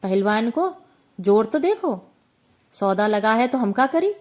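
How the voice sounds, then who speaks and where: Storybook figure: a woman voicing a quarrelsome older auntie, shrill and scolding, pitched a bit high. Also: animated, takes it slowly, full character voice. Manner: scolding, raised and sharp.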